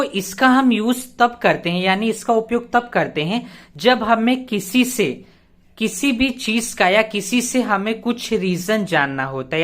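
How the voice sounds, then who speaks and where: A man's voice: high voice, fairly bright tone. Male tutor at a board, casual explainer who keeps checking the viewer follows and spells words out letter by letter. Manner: keeps checking in with the viewer and asks himself rhetorical questions. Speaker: English grammar teacher. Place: teaching at a board he writes on.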